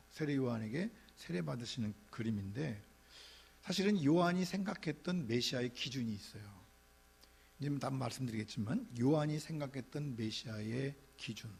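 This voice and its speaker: A middle-aged man preaching a sermon as pastor, animated, shouting out quoted rebukes now and then. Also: medium pitch, vocal fry, breathy edge.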